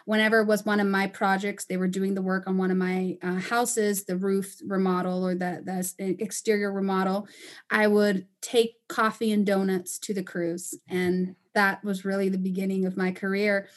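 A woman's voice: mid-range voice, little pitch movement, normal speed. Chatty woman from Panama. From Panama and Costa Rica. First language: Spanish. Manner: candid and chatty, frequent um fillers. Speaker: construction company owner, guest. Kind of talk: casual interview.

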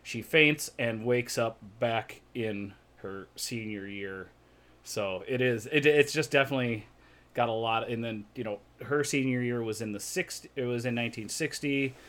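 A man hosting a casual podcast chat, often restarting words and filling pauses with uh, laughing easily. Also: mid-range voice, a bit bright. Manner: stammering restarts, frequent uh fillers, laughs easily. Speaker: podcast host.

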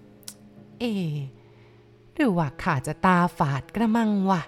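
Woman doing a slow, blunt old village granny. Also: mid-range voice, lively intonation, faint music behind. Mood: musing. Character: blunt old village grandmother, coarse-spoken.

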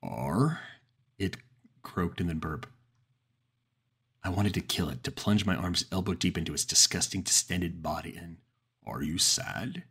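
A man with a low, husky voice reads a first-person horror story aloud. His telling is measured and dramatic, pacing the creepy moments with care. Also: steady tone, a bit bright. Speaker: narrator. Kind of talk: scripted horror story narration.

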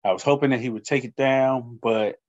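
A man co-hosting a sports podcast, talking in a relaxed, slangy way and putting questions to his co-host. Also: mid-range voice, brisk, muffled recording. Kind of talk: casual sports chat.

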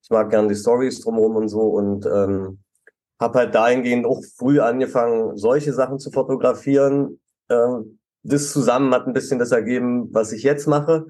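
A middle-aged man from Germany, a photographer guest in a podcast interview, speaking relaxed with many hesitant fillers. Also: medium pitch, normal speed. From Halle an der Saale, Germany.

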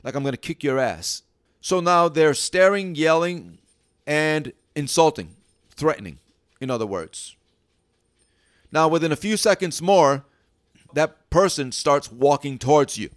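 A man's voice: a little high, lively intonation, a little slow, long pauses, no echo, studio quality. A man who trains dogs, giving an informal teaching talk and explaining through stories, with frequent restarts. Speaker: dog trainer.

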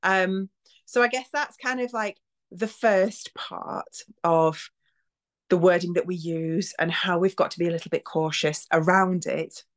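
A woman in her forties talks through her ideas on her own podcast, and her voice sits slightly low for a woman. She is chatty and reflective. She brings the quoted inner voices to life with lively little acted lines. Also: a little slow. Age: 40s. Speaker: podcast host. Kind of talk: reflective solo podcast talk.

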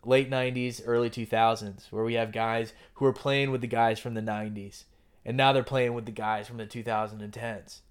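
A man's voice: mid-range voice, little pitch movement, fairly quick, smooth. Opinionated man in casual sports talk. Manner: conversational, opinionated, frequent restarts. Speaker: podcast host.

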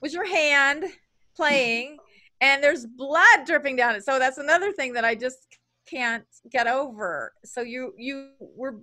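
A woman hosting a casual interview with a bright, forward voice pitched a bit high. She chats freely and laughs easily. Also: measured pace. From lives in Wyoming. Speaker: interview host.

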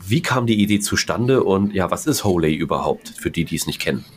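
A man's voice: low-pitched, expressive, fairly quick, a little hiss or hum. A man hosting a podcast interview, welcoming his guests with effusive enthusiasm. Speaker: podcast host.

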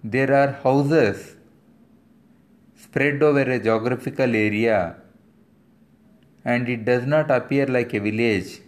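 A man delivering measured, formal commentary in short, deliberate phrases. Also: medium pitch.

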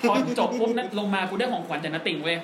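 A man's voice: high-pitched, fast talker, echoey room, a loud crowd. A man in his thirties, co-hosting a podcast, telling a long story with crude jokes and frequent laughs. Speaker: podcast co-host. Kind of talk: casual chat.

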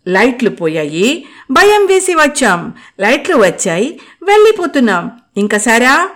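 A woman voicing a bold, brusque young woman friend who talks loudly and bluntly with quick retorts. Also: a little high, sing-song, pitched above the performer's own voice.

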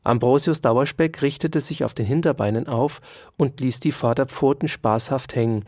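A narrator reading a children's animal story aloud in a slow, expressive storybook manner. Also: medium pitch, no echo, studio quality.

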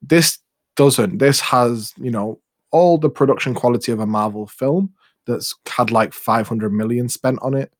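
A young man co-hosting a casual podcast who speaks in an earnest, direct way and often addresses the listeners. His voice is recorded dry, with no room echo at all. His pitch sits in an ordinary middle range. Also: unhurried. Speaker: podcast co-host.

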